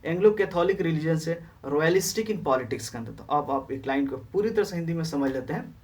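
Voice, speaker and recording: A woman's voice: low-pitched, expressive, a little mellow, far from the mic. Woman teacher, online class, recorded a little off-mic. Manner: reads English text slowly, then explains and repeats in Hindi. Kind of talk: online exam-prep class lecture.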